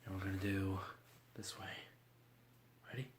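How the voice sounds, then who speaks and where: A man doing a gentle ASMR roleplay as a mock examiner, soft-spoken, slipping into whispers and giving slow, reassuring praise. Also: deep voice, completely flat delivery, slight background noise.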